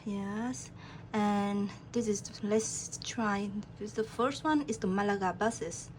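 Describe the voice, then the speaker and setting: Slow, calm woman demoing software. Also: medium pitch, slight background noise. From Vietnam. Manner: calm, guiding the viewer step by step. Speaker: program applicant demoing her task. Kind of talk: screen-recorded software demo.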